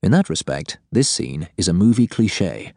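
A man's voice: low voice, big pitch swings, moderate pace, gravelly, mellow, no room sound, clean studio sound. A man reading scripted fiction as an audiobook narrator.

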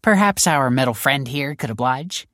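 Voicing a playful female detective who jabs at others through mocking, overly polite sarcasm, this male audiobook narrator raises his pitch above his own natural voice. His mid-range delivery is lively, bright and forceful at a normal speed, in a dry, studio-quality recording.

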